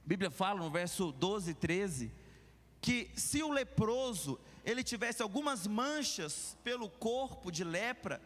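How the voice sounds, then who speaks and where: High-voiced Brazilian pastor preaching in a hall. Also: male voice, very animated, fairly bright tone. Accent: Brazilian Portuguese. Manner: preaching with sudden swings between quick asides and slow emphasis. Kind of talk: sermon. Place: large church hall. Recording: long reverb of a church hall.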